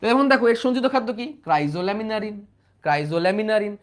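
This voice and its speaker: A man's voice: sits high, lively intonation, unhurried. A young man teaching a biology exam-prep class, repeating questions and prompting students to answer. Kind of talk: online exam-prep lecture.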